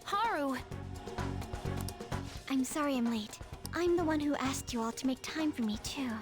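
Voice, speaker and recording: An actress voicing a polite, soft-spoken young woman in a video game. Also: sits high, moderate pace, close to an everyday voice. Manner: polite, apologetic. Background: game music.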